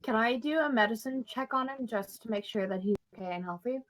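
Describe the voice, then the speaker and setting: A woman's voice: fairly high pitch, quick pace, low-quality recording. Woman playing a tabletop game, friendly. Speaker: player. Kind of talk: casual chat during a tabletop game.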